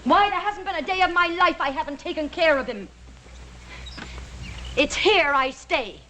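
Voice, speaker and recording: An actress playing a feisty, proud and warm-hearted Irish frontier woman in a TV western, with outspoken, lilting, folksy speech. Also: extremely high pitch, expressive, moderate pace, a little hiss or hum, exaggerated voice. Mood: defiant. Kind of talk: 1960s TV western acting.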